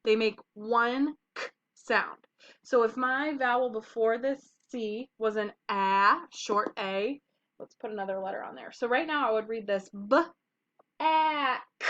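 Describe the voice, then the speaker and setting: A woman's voice: fairly high pitch, unhurried, fairly bright tone. A young woman teaching kindergartners phonics, patiently sounding out letters and short vowels one by one. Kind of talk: phonics lesson for young children. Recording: dull lo-fi home recording.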